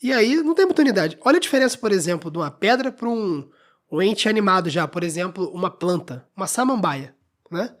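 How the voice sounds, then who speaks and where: A man's voice: sits high, lively intonation, fairly quick. Man explaining patiently, checking in often. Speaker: podcast host. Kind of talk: solo lecture-style podcast talk.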